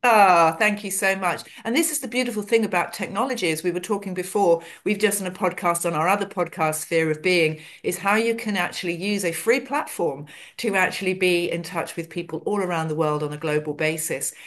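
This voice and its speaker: Woman podcast host, slightly low voice, upbeat and gushing, conversational interview delivery. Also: a little fast, hardly any pauses, a bit bright. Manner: enthusiastic, effusive.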